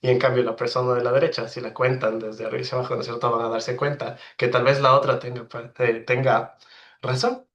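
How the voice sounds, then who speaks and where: A man's voice: medium pitch, little pitch movement, a little fast, fairly bright tone. A man in his thirties with an Ecuadorian accent, giving a friendly, explanatory online presentation as a veterinarian, often checking in with tag questions. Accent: Ecuadorian Spanish. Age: 30s. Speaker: webinar speaker, veterinarian. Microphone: video call.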